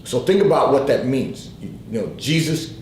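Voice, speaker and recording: Hosting a faith advice livestream, a man offers devotional guidance in a slow, repetitive preaching cadence, hoarse from allergies and clearing his throat. His medium-pitched voice is a little mellow with lively intonation, in an echoey room with slight background noise.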